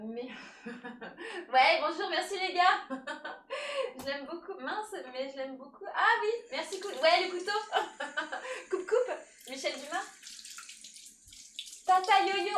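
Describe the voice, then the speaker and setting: Chatty high-voiced woman cooking on stream. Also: fairly bright tone, far from the mic, a little hiss or hum. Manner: chatty, laughs often, thanks viewers, talks to her cat. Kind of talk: casual live-stream chat while cooking. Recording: echoey room, voice a bit off-mic.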